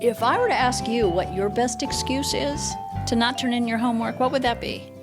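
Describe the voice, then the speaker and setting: A woman's voice: fairly high pitch, moderate pace, over music. A woman hosting a podcast, interviewing children about a book with short, playful questions. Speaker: podcast host.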